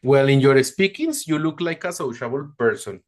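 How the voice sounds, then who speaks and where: At a moderate pace and medium pitch, a man teaches English online through a video call. He stays patient and encouraging, softly fixing pronunciation along the way, while his intonation swings up and down freely and vividly in every sentence.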